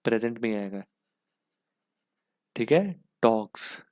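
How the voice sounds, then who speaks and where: A man's voice: lowish voice, animated, slow pace, darkish tone, dry recording, clean studio sound. A man teaching an exam-prep English grammar lesson, explaining step by step and asking "ठीक है?" again and again.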